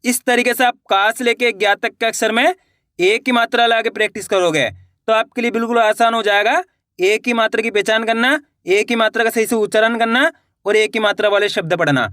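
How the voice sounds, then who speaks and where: A man teaching beginners to read, sounding out syllables slowly one by one and answering his own questions. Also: sits high, steady tone, sharp tone, no room sound, studio quality. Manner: slow, drilled syllable-by-syllable sounding out; asks the viewer questions, then answers them himself. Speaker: Hindi reading teacher. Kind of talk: online reading lesson for beginners.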